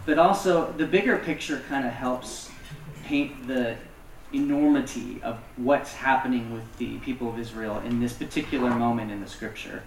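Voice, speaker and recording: A man's voice: mid-range voice, moderate pace, slight background noise. A man preaching a casual, self-deprecating sermon as pastor, with many fillers. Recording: echoey room, distant mic.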